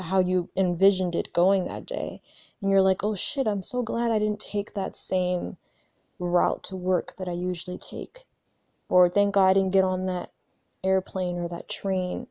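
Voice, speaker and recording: A twenty-one-year-old woman and spiritual vlogger rambles candidly through a casual, reflective monologue about her spiritual journey, cursing freely and often restarting sentences. Her voice sits on the low side with a warm tone. The recording is dry and the audio sounds dull.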